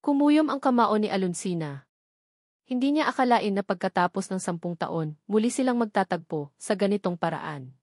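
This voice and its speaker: A woman with a mid-range, slightly mellow voice narrates a scripted dramatic story at a moderate pace with lively intonation. The recording is studio quality with no room sound.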